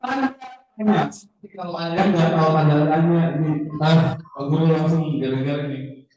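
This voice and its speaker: A man teaching a classroom lesson, speaking in a lively, joking way and calling students up one after another. His voice sits high for a man. It is heard from a distance in a very echoey room. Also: normal speed. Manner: lively, calls on students, jokes.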